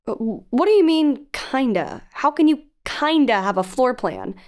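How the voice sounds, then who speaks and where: In an audio drama phone conversation, an actress voices a protective, insistent investigative podcaster who questions firmly and earnestly, sounding probing and suspicious. Her voice is high, sing-song and a little mellow, at a normal speed.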